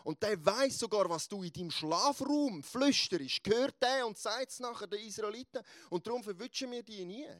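A man's voice: high voice, lively intonation, moderate pace, few pauses, a bit bright, dry recording, studio quality. A man voicing male royal advisers who confide what they know in a preached story. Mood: confiding.

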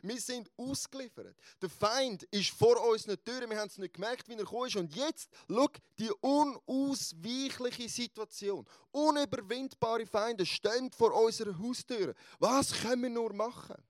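A man's voice: very high-pitched, moderate pace, few pauses, dry recording, pitched above the performer's own voice. A man voicing a frantic, pleading young male servant in a preached Bible story. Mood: panicked.

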